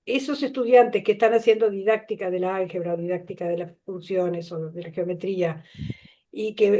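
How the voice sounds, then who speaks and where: Middle-aged Uruguayan woman, teacher trainer, measured discussion voice on a video call. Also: medium pitch, warm tone. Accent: Uruguayan Spanish. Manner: thoughtful, uses filler "este". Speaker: teacher educator. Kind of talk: workshop discussion.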